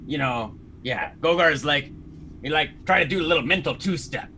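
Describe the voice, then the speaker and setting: A man's voice: a little high, lively intonation, normal speed, sharp tone, a little hiss or hum. A man describing his character's actions in a tabletop game, rambling with many "like" and "you know". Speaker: player.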